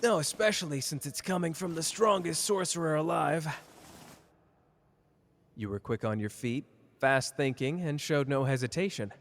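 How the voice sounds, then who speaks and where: A man's voice: fairly high pitch, moderate pace, a bit bright. Man acting cocky, flirty Gojo in long reverb. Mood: smug, teasing. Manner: teasing, casual, boastful. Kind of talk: ASMR character roleplay addressed to listener.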